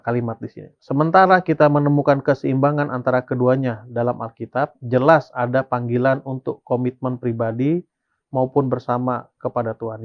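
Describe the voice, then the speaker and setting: An Indonesian man with a mid-range voice leads a Sabbath school Bible study, reading passages aloud and then explaining them. He often poses a question and answers it himself. The sound is lo-fi.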